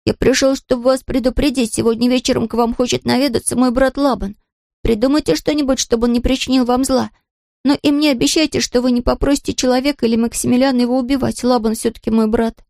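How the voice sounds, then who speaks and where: A woman's voice: fairly high pitch, steady tone, fast talker, vocal fry, a little mellow, no room sound, studio quality, pitched above the performer's own voice. A woman voicing a timid, fretful young male fox in a storybook reading. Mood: pleading. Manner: fretful, pleading.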